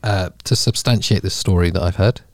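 A man's voice: deep voice, a little fast, dry recording. A man co-hosting a podcast in casual chat at a studio microphone, joking, laughing often and restarting his sentences. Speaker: podcast co-host.

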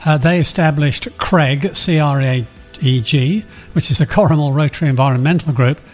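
A man's voice: fairly high pitch, normal speed, faint music behind. An Australian man hosting a community radio programme in a chatty way, addressing listeners directly and interviewing guests.

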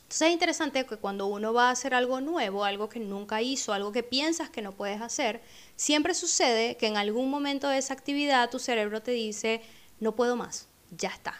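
A woman with a fairly high voice tells a personal story on her podcast in a reflective, conversational tone. She slips into the voices of the people in her memories, acting out what they said. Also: fairly quick. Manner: conversational, acts out remembered speech. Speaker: podcast host.

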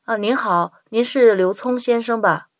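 A woman's voice: fairly high pitch, normal speed, dry recording, lightly acted. Polite young intern played by a woman, dry sound. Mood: polite, welcoming. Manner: polite, courteous. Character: polite young Chinese American woman intern greeting a visitor. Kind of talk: scripted language-lesson dialogue.

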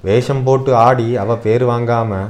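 A man voicing a stern, hot-tempered middle-aged son who shouts harshly in a dramatic story reading. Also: medium pitch, fairly even intonation, a little slow, slight background noise, pitched above the performer's own voice, natural voice. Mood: furious.

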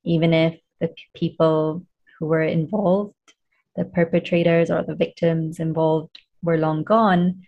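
A woman guest in an interview, a coach explaining her work in a thoughtful, measured way. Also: low-pitched, level tone, dull audio. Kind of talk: conversational interview.

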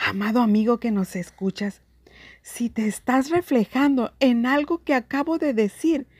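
Female preacher, high and unhurried, earnest sermon, dry close sound. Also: darkish tone, no echo. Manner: earnest, emphatic preaching with scripture readings. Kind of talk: devotional sermon.

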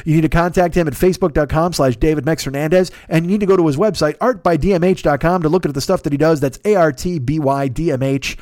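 A man's voice: on the high side, fast, few pauses, a little mellow, no echo, studio quality. A man hosting a comedy podcast, reading out plugs in a brash, blunt, casual way with some swearing. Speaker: podcast host. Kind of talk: casual self-promotion plugs.

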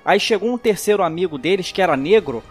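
A man's voice: sits high, lively intonation, quick pace, breathy edge, soft background music. A man with a Brazilian accent chatting casually and telling anecdotes with plenty of slang and swearing.

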